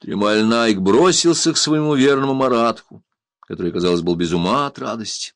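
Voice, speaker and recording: A man narrating an adventure novel aloud in an expressive, dramatic reading. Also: mid-range voice, fairly quick, dry recording. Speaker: audiobook narrator. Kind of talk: scripted narration.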